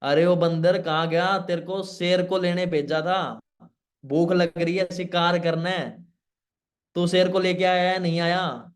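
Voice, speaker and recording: A man voicing a hungry, scheming male dog in a spoken fable, calling out loudly with slow, drawn-out words. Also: high voice, fairly even intonation.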